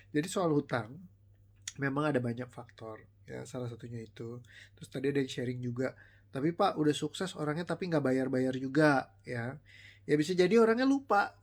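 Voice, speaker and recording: A man who works as a life coach, giving a casual motivational talk on a live stream and telling stories in a conversational way. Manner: conversational, storytelling, mixes slang and English words; animated, voices quoted people with rising pitch.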